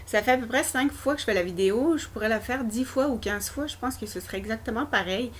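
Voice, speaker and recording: A woman with a Québécois French accent casually demos an essential oil product, chatting informally straight to her viewers. Her voice is a little high and fast, with slight hiss or hum in the recording.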